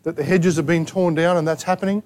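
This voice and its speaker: Australian male pastor, high voice, punchy sermon delivery, fires rhetorical questions at the room. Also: fairly even intonation, quick pace. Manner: emphatic preaching with rhetorical questions and sharp asides. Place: church gathering in a rented hall.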